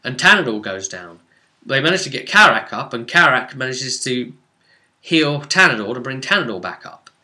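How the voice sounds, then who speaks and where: With a mid-range voice at a moderate pace, the man recaps a tabletop role-playing session as its game master, rambling animatedly, emphasizing things and then drifting off.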